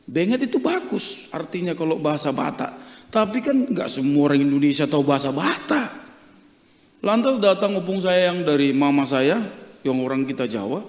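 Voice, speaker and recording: A middle-aged male pastor preaching a sermon, telling a personal story in a lively, joking way with frequent hallelujahs. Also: fairly high pitch, normal speed. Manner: lively, jokey, peppered with hallelujahs. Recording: reverberant church hall.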